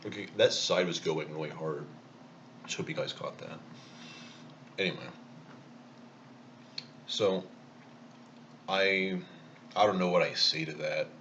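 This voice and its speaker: A man's voice: sits low, steady tone, slow, long pauses, a bit bright, lo-fi sound, a little hiss or hum. A man telling a rambling, self-mocking story in a casual vlog while eating. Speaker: vlogger.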